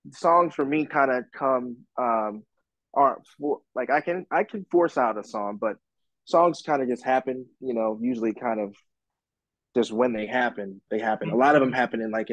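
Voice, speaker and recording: A musician man answering interview questions casually, relaxed and rambling with many fillers and restarts. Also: mid-range voice, moderate pace, dry recording, low-quality recording. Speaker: musician guest.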